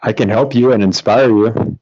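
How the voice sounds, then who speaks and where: A man with a fairly low voice takes part in a tabletop game as a player. His talk is casual, and the audio is a little dull and lo-fi. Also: moderate pace, darkish tone.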